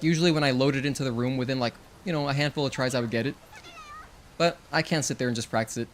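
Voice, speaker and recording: The recording carries a little hiss or hum behind a young male streamer's mid-range voice. Spanish is his first language, and he gives casual, chatty gameplay commentary to viewers, thinking aloud and counting combo hits.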